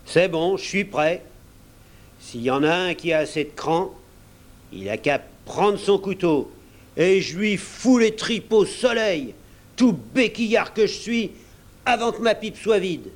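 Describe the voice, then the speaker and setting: A man playing a crafty old one-legged pirate cook in a storybook reading, pitched high above a plain reading voice. He blusters and threatens in coarse sailor's talk, loud and domineering. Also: expressive, a little slow. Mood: thundering.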